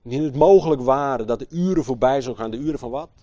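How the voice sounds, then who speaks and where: A man preaching a sermon with passion, swinging from hushed, slow phrases to loud, emphatic outbursts and asking his listeners rhetorical questions. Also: mid-range voice, dry recording.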